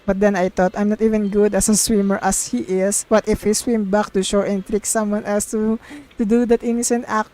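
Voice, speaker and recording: With music behind her in a rough recording, a woman plays a story game on stream, casually voicing the dialogue and letting out giggly, sweary reactions. She talks a little fast in a mid-range voice with a flat delivery and dark tone.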